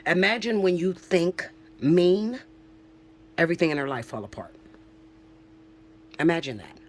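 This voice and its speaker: A woman in her forties gives a casual spiritual vlog talk in a fairly low, sing-song voice, speaking a little slowly over a faint hiss or hum. As a spiritual reader she's emphatic and preachy, swears freely, and frequently checks in with "okay?".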